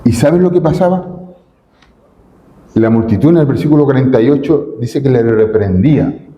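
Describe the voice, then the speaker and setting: Emphatic preacher in an echoey church. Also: male voice, medium pitch, normal speed, dark tone, highs cut off. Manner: emphatic, asks the congregation rhetorical questions. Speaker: pastor. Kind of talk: sermon.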